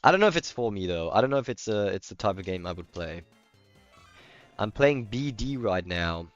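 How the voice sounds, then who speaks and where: A man whose first language is German, speaking with a German accent, chats casually while livestreaming a game and answering viewer comments. His voice is on the low side and animated, at normal speed. There's no room sound, the highs are cut off, and soft music plays in the background.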